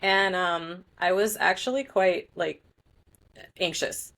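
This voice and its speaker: A woman's voice: lowish voice, takes it slowly, gravelly, fairly bright tone. A woman guest on a podcast, an author, chatting casually with frequent laughs and fillers.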